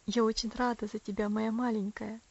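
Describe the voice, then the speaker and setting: A woman voicing a gentle, affectionate young woman in an audiobook, speaking tenderly and soothingly. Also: fairly high pitch, little pitch movement, fairly quick, gravelly, slightly rough, muffled recording. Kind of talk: audiobook character voice.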